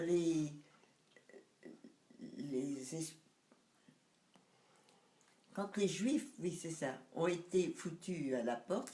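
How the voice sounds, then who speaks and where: In an echoey room, a mother in her nineties talks casually with her son about the family's past, faltering as she hunts for words. Her voice sits low and has a darkish tone.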